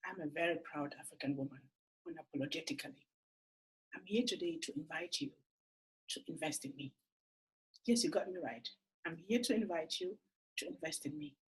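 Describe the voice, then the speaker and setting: A woman's voice: sits low, a little fast, pauses often, husky, rough recording. A woman in her forties, telling personal stories in an earnest, heartfelt appeal to camera. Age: 40s. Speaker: entrepreneur making a funding appeal.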